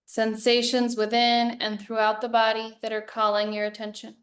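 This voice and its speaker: Leading a guided meditation, this woman, a yoga teacher, has a voice on the high side. Her phrases are soothing, calm and measured, with long pauses between them.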